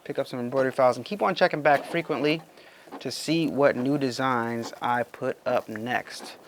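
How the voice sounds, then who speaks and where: Man, casual how-to host, chatty, mid-pitched voice, sewing machine rattling behind. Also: moderate pace. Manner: chatty, keeps addressing viewers as guys. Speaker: embroidery channel host. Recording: sewing machine noise in background. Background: running embroidery machine.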